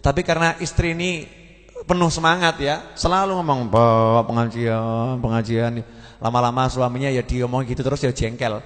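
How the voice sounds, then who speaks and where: A man's voice: mid-range voice, level tone, brisk, a bit bright, long reverb tail. A man with a Javanese accent preaching a humorous sermon, telling stories and mixing in Javanese words. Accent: Javanese-accented Indonesian. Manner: joking storyteller, slips into Javanese words.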